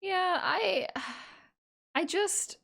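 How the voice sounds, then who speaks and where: A woman's voice: very high-pitched, extremely slow, gravelly, fairly bright tone. A woman in her late twenties co-hosting a podcast, chatting casually with dramatic, self-mocking complaints and free swearing. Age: 20s. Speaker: podcast co-host. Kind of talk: casual chat.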